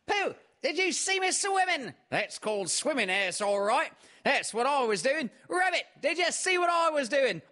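A man voicing an excited little boy kangaroo who squeaks and shouts boastfully. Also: exaggerated voice.

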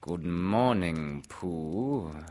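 Man putting on Owl, slow, low, pompous. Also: lively intonation, a little mellow, heavily acted. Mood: ponderous. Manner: pompous, drawn-out, deliberate. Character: slow, pompous, self-important older male owl. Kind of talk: children's storybook character voice.

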